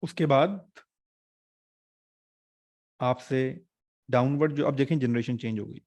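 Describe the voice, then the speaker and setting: A male teacher runs an online exam-prep class in a chatty, joking way. His voice sits at an ordinary middle pitch and is recorded dry and close on a desk mic, with no room sound. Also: measured pace, a little mellow, no room sound. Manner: chatty, joking teacher mixing English terms.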